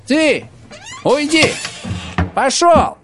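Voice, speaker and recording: Мужчина читает за грубого вспыльчивого молодого вора, резко и отрывисто. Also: male voice, sits high, very animated, slow pace, noisy background, pitched above the performer's own voice, exaggerated voice. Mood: rough. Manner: rough, abrupt. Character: rough hot-tempered young male thief.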